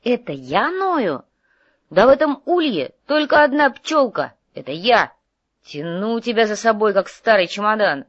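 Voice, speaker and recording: A woman's voice: on the low side, animated, fairly quick, lo-fi sound, close to an everyday voice. A woman voicing a grumpy, thrifty male mage analyst who grumbles and nags his partner. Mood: indignant. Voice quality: grumbling, sarcastic.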